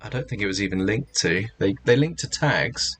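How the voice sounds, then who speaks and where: A man streaming a hacking challenge walkthrough, talking casually in halting, rambling sentences full of fillers. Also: lowish voice, animated, fairly bright tone, soft background music. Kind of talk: casual livestream commentary.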